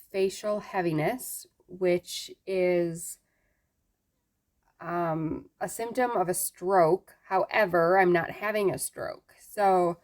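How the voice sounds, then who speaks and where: A woman talking casually to viewers in a health update, weakened after surgery, halting and searching for words with long pauses. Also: lowish voice, a little mellow. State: weakened after surgery, struggling to form sentences. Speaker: vlogger giving a health update.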